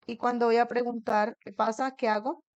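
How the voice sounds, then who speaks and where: A woman's voice: fairly high pitch, flat delivery, moderate pace, no room sound, muffled recording. A woman teaching an English grammar lesson in a classroom. She keeps checking in with her students and asks them questions.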